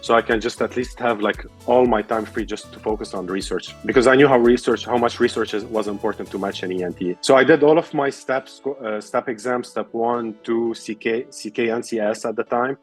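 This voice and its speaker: Young guy, kinda husky, lots of um and uh while explaining. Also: mid-range voice, a little fast, hardly any pauses, faint music behind. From Lebanon. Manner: explanatory, many fillers and restarts. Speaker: guest, medical resident. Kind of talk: casual interview answers.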